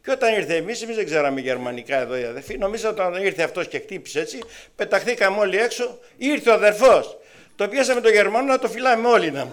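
A man from Greece preaching and telling testimony stories, with lively storytelling that swings between loud and soft. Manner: animated storytelling with wide swings in pitch and loudness. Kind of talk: testimony sermon.

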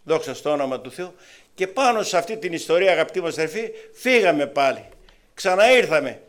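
A man from Greece preaching and telling testimony stories, with lively storytelling that swings between loud and soft. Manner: animated storytelling with wide swings in pitch and loudness. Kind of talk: testimony sermon.

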